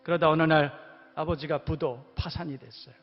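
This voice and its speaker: A man's voice: fairly high pitch, steady tone, normal speed. A man preaching a sermon as pastor, moving from storytelling to emphatic exhortation. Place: church sanctuary. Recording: long hall reverb, dull lo-fi sound, faint music.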